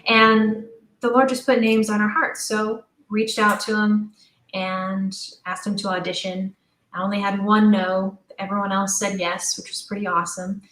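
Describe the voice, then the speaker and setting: In a roomy, echoing space, a woman who writes and directs audio dramas talks as an interview guest. Her mid-range voice is level and a bit bright at normal speed, and she explains things in a casual, chatty way, working out her thoughts as she goes.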